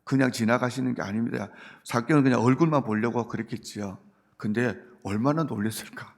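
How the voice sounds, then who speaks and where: A male pastor with a medium-pitched voice and vocal fry preaches briskly and earnestly. He quotes Jesus gently and builds up to emphatic points.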